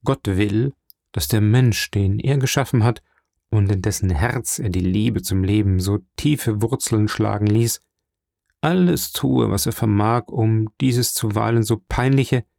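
A man voicing a dying old priest in an audiobook, slow, earnest and fatherly, weak and failing. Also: fairly low pitch, vocal fry, darkish tone, no echo, clean studio sound. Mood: solemn. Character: dying old male priest, gentle and solemn. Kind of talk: audiobook character reading.

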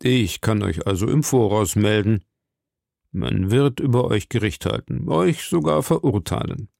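A man voicing a powerful, scheming old cardinal who speaks slowly and probingly. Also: fairly low pitch, gravelly, darkish tone, dry recording, clean studio sound. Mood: mild. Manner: slow, measured, probing.

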